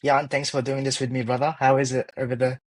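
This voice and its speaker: A man's voice: mid-range voice, level tone, fast, no room sound, rough recording. A man hosting an interview, casual and friendly, asking long rambling questions. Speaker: host.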